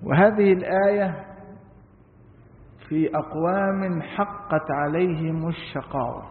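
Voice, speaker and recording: A man giving a religious lesson, explaining slowly, asking rhetorical questions and chanting verses. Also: a little high. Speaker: Quran commentary teacher. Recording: echoey hall on a tinny, phone-like line.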